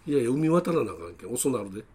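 A man with an Ehime accent from Shikoku, chatting casually and bantering, quick to object and argue his point. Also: medium pitch, very animated, a crowd in the background. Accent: Ehime, Shikoku Japanese. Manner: argumentative, repeatedly objecting.

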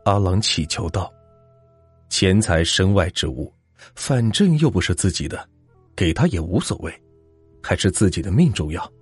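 Deep, husky male storyteller with lively delivery and faint music behind. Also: normal speed, long pauses, no echo. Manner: dramatic, suspenseful narration. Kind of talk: scripted ghost-story narration.

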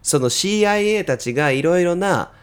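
A man's voice: sits high, animated, brisk, clean tone. A man co-hosting a podcast, talking informally and musing like an enthusiast as he explains references to his partner. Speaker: podcast co-host. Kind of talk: casual review chat between co-hosts.

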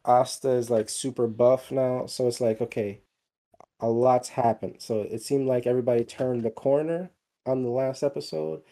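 Mellow-voiced man chatting casually. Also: mid-range voice, steady tone, moderate pace. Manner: rambling, many fillers and restarts. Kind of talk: casual chat.

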